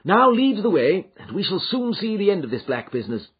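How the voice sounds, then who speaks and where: A man playing a keen, commanding Victorian detective, talking high, brisk and emphatic on a dull recording. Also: sing-song, husky, exaggerated voice. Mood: urgent.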